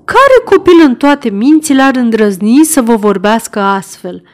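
Prim pious undertaker's wife, indignant and a bit high-pitched, read by a woman. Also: animated, lightly acted. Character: sanctimonious middle-aged undertaker's wife.

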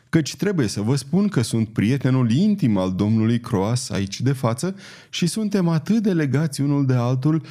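A man reading an audiobook, voicing a talkative companion who speaks in a wordy, flattering, fussy way. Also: medium pitch, natural voice.

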